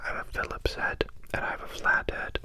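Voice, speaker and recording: A person giving hushed ASMR commentary while carving soap, whispering in an unhurried murmur and softly repeating words.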